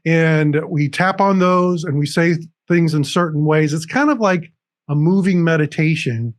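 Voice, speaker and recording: A man's voice: on the high side, a little slow. A man speaking as a guest on an interview show, earnestly explaining things step by step with frequent restarts, over a video call. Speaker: recovery coach guest. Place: room with dragon decorations behind him.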